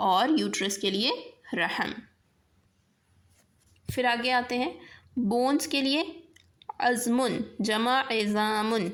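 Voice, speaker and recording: A woman teaching a vocabulary lesson in speech, dictating word pairs slowly and checking in with the class. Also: fairly high pitch, fairly bright tone. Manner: slow careful dictation of word pairs, frequent rising checks.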